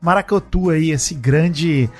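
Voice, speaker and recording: A man's voice: fairly high pitch, takes it slowly. A man co-hosting a podcast, joking casually and reading out date trivia. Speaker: podcast co-host.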